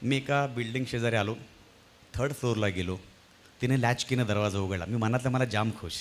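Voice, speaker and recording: A man doing stand-up comedy on stage at a live event, telling an animated story and acting out its voices. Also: mid-range voice, fairly quick, a little hiss or hum. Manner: animated, acts out the voices in his stories.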